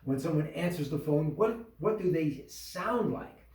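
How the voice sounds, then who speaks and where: A man giving an instructional talk to a small business group, animated and full of questions, acting out tones of voice. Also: a little high, unhurried, far from the mic. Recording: echoey room, voice from off the mic.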